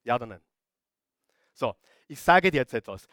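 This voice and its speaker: A man's voice: mid-range voice, animated, normal speed, fairly bright tone, no room sound, clean studio sound. A middle-aged man preaching a sermon, stressing and repeating key words and firing questions at the audience.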